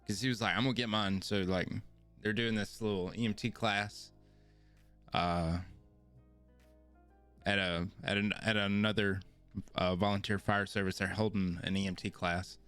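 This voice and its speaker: Laid-back rambling man, smooth low voice. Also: steady tone, measured pace, long pauses, fairly bright tone, soft background music. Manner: rambling, self-deprecating, repeats himself. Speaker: podcast host. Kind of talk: casual storytelling monologue.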